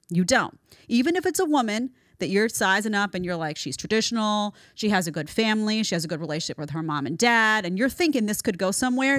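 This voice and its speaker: A woman's voice: mid-range voice, no echo, studio quality. Emphatic, opinionated woman podcast host. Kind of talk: social commentary monologue.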